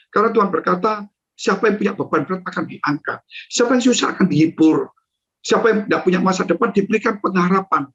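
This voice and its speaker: Man doing an earnest old churchgoing man, gentle urging tone, high voice, dull lo-fi sound. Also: vocal fry, breathy edge, heavily acted. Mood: pleading. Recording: dull lo-fi recording.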